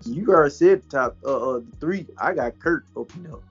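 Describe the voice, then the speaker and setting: A man with an American accent and a husky voice, casually debating sports with friends. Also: a little high, lively intonation, fast talker. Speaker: sports podcast host. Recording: dull lo-fi audio, music underneath.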